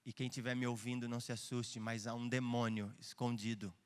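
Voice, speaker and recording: A man in his thirties preaching a sermon as pastor, swinging from fervent shouting to hushed, personal confession. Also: medium pitch, little pitch movement, a little fast, smooth. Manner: impassioned, rising to shouts then dropping to quiet confession. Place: church hall. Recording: live church stream with long hall reverb.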